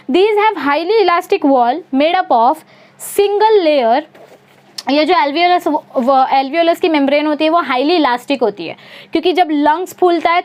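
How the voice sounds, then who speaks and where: A young Indian-accented woman with a high voice gives an online biology lecture. She breaks each idea into small steps and keeps checking whether her students are following. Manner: explains step by step, asks students rhetorical questions. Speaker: biology teacher. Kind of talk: online exam-prep lecture mixing Hindi and English.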